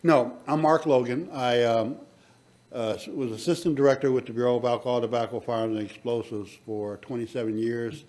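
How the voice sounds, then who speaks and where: A man's voice: mid-range voice, fairly even intonation, fairly quick, darkish tone. Affable older man speaking on a panel. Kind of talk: conference panel remarks.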